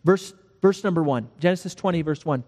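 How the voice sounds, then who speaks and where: A man preaching a sermon, walking through a scripture passage and acting out the dialogue in lively storytelling. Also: on the high side, fairly quick, big-room sound. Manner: animated storytelling with acted dialogue. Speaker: pastor.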